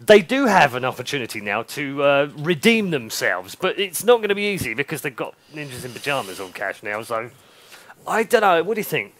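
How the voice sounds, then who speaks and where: Lively esports commentator. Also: male voice, fairly high pitch, a little fast. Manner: joking, teasing, excitable banter.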